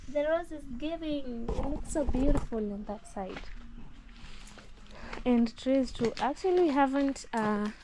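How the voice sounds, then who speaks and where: Filming on her phone outside, a woman vlogger strolls her garden, thinking aloud and praising the plants in relaxed chat. Her voice is a little high and a little mellow; the audio is poor, with birdsong and outdoor noise behind her.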